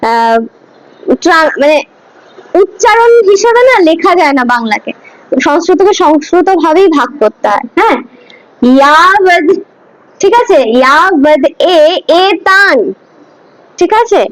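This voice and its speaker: A woman's voice: very high-pitched, animated, a little slow, long pauses, no echo, poor audio. A woman teaching scripture pronunciation to a class, patiently breaking words into syllables and asking students to repeat after her. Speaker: Gita teacher. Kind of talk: slow pronunciation lesson.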